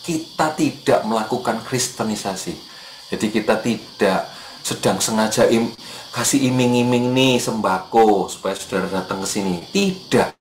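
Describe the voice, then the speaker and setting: Animated male preacher in a roomy hall. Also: fairly low pitch, slight background noise. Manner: chatty and animated, acting out quoted people, dropping to soft murmured prayer. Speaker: evangelist preacher. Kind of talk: casual morning sermon to a congregation.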